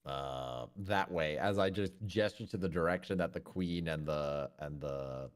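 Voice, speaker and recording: A man playing a tabletop game, relaxed and rambling, laughing often. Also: rumbling low, a little slow, clean tone. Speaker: player. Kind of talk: casual tabletop play.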